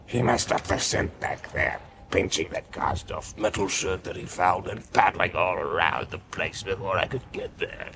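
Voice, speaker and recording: A man voicing a sullen male orc tracker who mutters complaints and snarls back in a gravelly voice. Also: low-pitched, normal speed, background noise, voice pushed down. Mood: sullen grumbling. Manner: muttering and grumbling, flaring into snarls.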